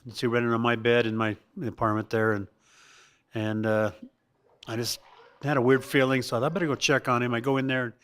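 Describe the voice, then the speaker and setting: A middle-aged man giving a halting, reminiscing tribute to his mother at a family birthday gathering, with many restarts and laughs. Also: medium pitch, flat delivery, clean tone.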